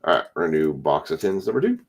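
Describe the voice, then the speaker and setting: Man, deep low voice, tired, easygoing, reeling off trading-card names one by one. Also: rapid-fire. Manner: relaxed, rattles off player names as he opens packs. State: tired, yawning. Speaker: card break host. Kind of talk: casual live card-break commentary.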